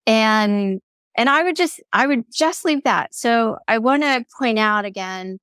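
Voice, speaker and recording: A woman speaks as an interview guest, lively and playful in her delivery. Her voice sits fairly high. The sound is dry and close, with no room echo. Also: unhurried, clear, resonant tone. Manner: animated, playful, acts out quoted voices. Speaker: guest, energy healer. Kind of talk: conversational interview.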